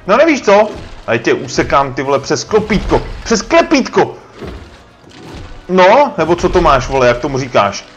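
A man from the Czech Republic commentating a game he is playing, shouting and swearing at the enemy in a pitch that leaps from low mutters to high yells. His voice sits a little high, and game music plays faintly behind him. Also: very animated. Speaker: let's play gamer. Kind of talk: profane live gameplay commentary.

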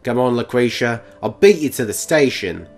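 A man voicing an eager, cocky young male rival trainer who talks in an excitable, boastful way. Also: medium pitch, normal speed, soft background music. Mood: excited.

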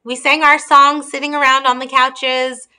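She speaks in a high-pitched voice with a level tone, a moderate pace and a sharp edge. The speaker is a woman in her thirties hosting a relaxed video call on her laptop camera from the dining room, presenting holiday table ideas. Friendly, she holds books up while explaining them.

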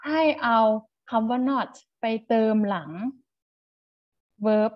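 A woman's voice: on the high side, extremely slow, dry recording, muffled recording. A woman teaching an online English grammar class to primary school children, explaining step by step with polite endings and repeating key words.

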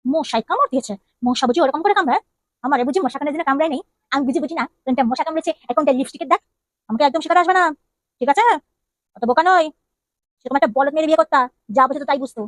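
A woman's voice: high-pitched, dry recording, lightly acted. A woman acting a jealous, nagging young wife in a comedy skit, firing off scolding questions. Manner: scolding, interrogating with rapid questions.

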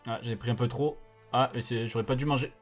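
A young man giving casual let's-play commentary as a gaming YouTuber, excitable and swearing often as he laughs at his failures. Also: mid-range voice, fast, soft background music.

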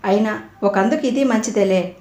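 A woman's voice: mid-range voice, normal speed, darkish tone, natural voice. A woman narrator voicing a worried, short-tempered grown man who sounds anxious and irritable. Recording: roomy echo.

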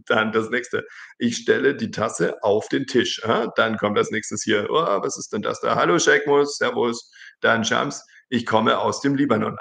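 A male German teacher runs a live lesson, reading viewers' messages aloud and correcting their grammar with frequent laughs. His voice has a gravelly, fry-tinged texture at a middle pitch. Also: fairly bright tone. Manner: reads out chat messages and corrects them, often laughing.

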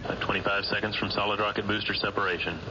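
A low-voiced man rattles off steady technical callouts at a quick clip. His voice comes through a dull, crackling radio link that keeps breaking up under heavy hiss. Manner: terse, steady, reads numbers in quick succession. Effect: crackling, breaking-up radio transmission. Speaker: mission control commentator. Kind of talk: clipped technical launch callouts. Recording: noisy, dull radio loop broadcast.

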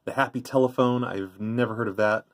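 A middle-aged vlogger who used to trade prank call tapes gives a casual, rambling show-and-tell by a tape deck indoors. His medium-pitched voice holds a steady tone at a fairly quick pace, and his commentary stays offhand.

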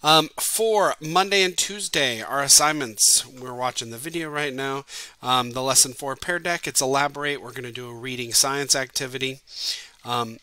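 A man teaching in a casual recorded video, chatty and playful. His voice is very bright and forceful, and the sound is close and dry with no room around it. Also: mid-range voice, normal speed, no echo.

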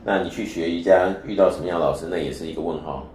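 A man speaks as a spiritual teacher in an interview, his voice sitting very low. He explains at length and keeps turning his points into rhetorical questions. The room around him is echoey, with a faint hiss underneath. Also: quick pace, darkish tone. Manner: lecturing, with frequent rhetorical questions.

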